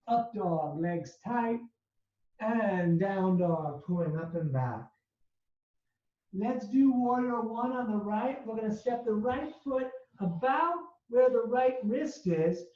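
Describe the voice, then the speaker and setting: A yoga instructor guides a live class step by step through poses and breathing, slightly winded from speaking during the flow. The medium-pitched voice is animated but slow-paced, and it comes across dull and roomy from a distance.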